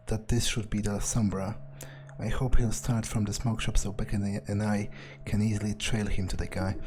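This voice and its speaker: This gameplay video features a man with a fairly low, warm voice voicing a confident, contemptuous vampire. He muses aloud in a hesitant way, dropping muttered asides as he plays. The recording has noticeable background noise.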